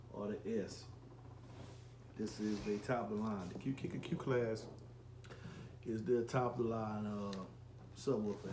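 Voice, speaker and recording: A man in his 40s, a car audio reviewer and enclosure builder, talks casually while filming an unboxing vlog, rambling and often repeating and correcting himself. His voice is lowish, and the echoey room carries faint background noise.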